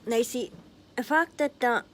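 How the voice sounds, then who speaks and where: A woman's voice: fairly high pitch, normal speed, slight background noise. Chatty Scottish woman off camera. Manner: cheerful, chatty, reads out viewer comments. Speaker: presenter behind the camera. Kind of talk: casual chat on a cooking livestream. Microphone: phone held by the speaker.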